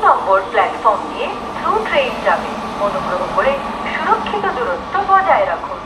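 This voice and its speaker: A woman making slow, measured railway announcements over a station loudspeaker. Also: on the high side, very animated, background noise. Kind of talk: public address announcement. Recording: echoey loudspeaker from far off with music.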